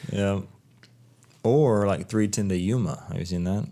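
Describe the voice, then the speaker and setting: A man's voice: fairly low pitch, measured pace, warm tone. A young man hosting a podcast, chatting casually with an old friend, telling stories with plenty of swearing. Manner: laid-back storytelling, heavy swearing. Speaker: podcast host. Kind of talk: casual chat.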